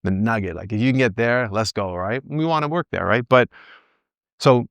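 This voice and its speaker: A back pain coach in his early forties addresses his group in a mid-range voice, speaking at a normal speed with a smooth sound. The talk is informal and encouraging, peppered with "right?" check-ins and quoted thoughts of his own. No echo is audible.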